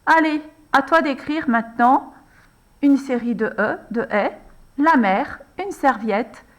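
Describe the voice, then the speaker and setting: A woman slowly and patiently guiding a young child through a handwriting lesson, one letter and one word at a time. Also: sits high, expressive. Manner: patient, addresses the child as tu, frequent "alors" and "hein". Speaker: handwriting teacher.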